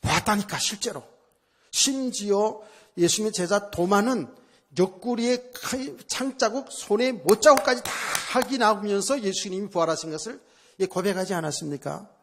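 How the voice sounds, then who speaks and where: A man's voice: sits high, moderate pace, a bit bright. A male pastor preaching a sermon at a church service, in a conversational style, asking the congregation rhetorical questions and repeating phrases for emphasis.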